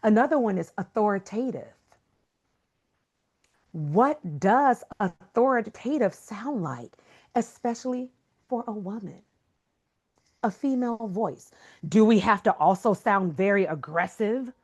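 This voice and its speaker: A woman voice coach giving a webinar talk over a video call, emphatic and expressive, sometimes dropping into a soft whisper for emphasis. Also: medium pitch. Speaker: voice coach and guest speaker. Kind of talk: webinar presentation.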